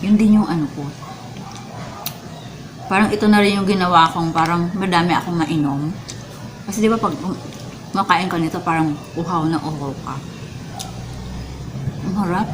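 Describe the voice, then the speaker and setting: Audible background noise surrounds this Filipino vlogger, whose voice is slightly low. Addressing viewers directly in a chatty mukbang, she savours her food as she talks at a moderate pace, leaving long pauses.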